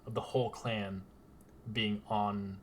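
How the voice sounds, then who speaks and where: A man narrating as game master of a tabletop game, halting and restarting as he describes the scene. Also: lowish voice, level tone, a little hiss or hum. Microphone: home mic on a voice call.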